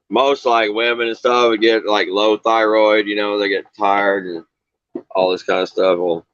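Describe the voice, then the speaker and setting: A low-voiced man with an Ozarks accent rambles in a folksy, easygoing way, laughing now and then. His voice comes through dry, dull online call audio. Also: no echo. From Southern Missouri. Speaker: caller. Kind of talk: casual chat.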